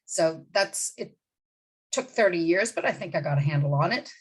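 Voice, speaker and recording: A woman's voice: on the low side, lively intonation, normal speed, breathy edge, low-quality recording. A woman in her fifties from the Bahamas, a literary agent answering interview questions in a direct, emphatic way. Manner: direct and emphatic, with many asides and restarts.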